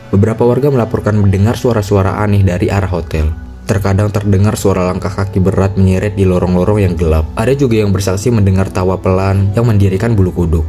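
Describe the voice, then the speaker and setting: A man reading a scripted horror narration as a storyteller. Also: fairly low pitch. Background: background music.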